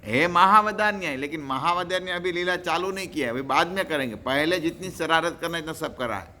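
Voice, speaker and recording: A man's voice: a little high, fairly quick, bright, forceful tone, slight background noise. A man preaching a devotional lecture, telling stories animatedly, acting out characters and chanting verses.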